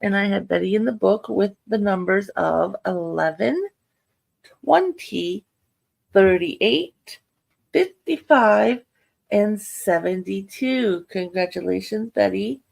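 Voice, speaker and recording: Slow-paced woman hosting casual bingo. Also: mid-range voice, vocal fry, darkish tone. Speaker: bingo host. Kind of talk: casual online game hosting, reading numbers and congratulating players.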